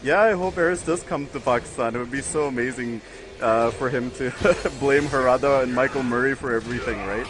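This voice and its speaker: A young American guest commentator on a fighting game stream chats loosely with the stream chat, rambling, laughing often and using lots of fillers. His voice is medium pitch and brisk, and there's noise in the background.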